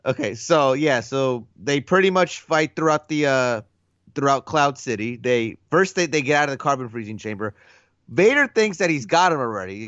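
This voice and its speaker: A man's voice: mid-range voice, a bit bright, dry recording, highs cut off. Laid-back man saying "bro" on a dry mic. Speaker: podcast co-host. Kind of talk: casual film discussion.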